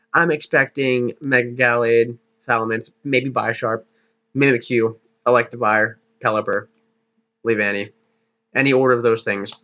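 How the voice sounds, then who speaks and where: A man's voice: mid-range voice, a bit bright. A young man casually talking through his team plans for a league battle, rambling and poking fun at himself. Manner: rambling, self-deprecating, laughs at himself. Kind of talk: casual gaming commentary. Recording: slightly dull lo-fi mic.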